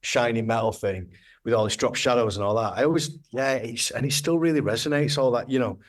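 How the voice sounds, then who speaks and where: A graphic designer in his thirties talks casually in a podcast interview, rambling, hesitating, and often restarting his sentences. His voice is medium-pitched and fairly quick.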